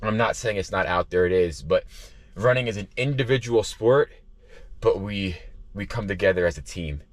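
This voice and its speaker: A man with a fairly low voice vlogs outdoors while running. He talks casually and earnestly to his viewers, often repeating a phrase to drive it home. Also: normal speed. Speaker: running vlogger. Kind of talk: casual vlog talk to viewers. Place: outdoors by the ocean.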